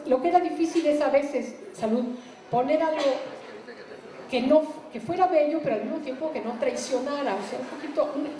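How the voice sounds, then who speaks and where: A woman gives a reflective public talk about her translation work, pausing often with fillers and restarts. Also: high-pitched, warm tone, roomy sound, rough recording. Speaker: literary translator.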